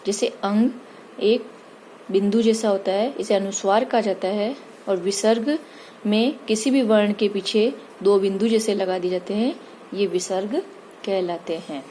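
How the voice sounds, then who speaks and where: A woman teaching Hindi grammar, patiently explaining vowels and spelling out each example slowly. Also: medium pitch, fairly even intonation, dark tone, a little hiss or hum, rough recording. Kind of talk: slow explanatory lesson.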